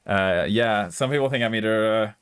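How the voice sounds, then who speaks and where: A man's voice: on the low side, moderate pace, fairly bright tone, smooth. A young man from Norway with a Norwegian accent, chatting casually to himself while composing music, musing and chuckling. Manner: musing, chuckling self-talk.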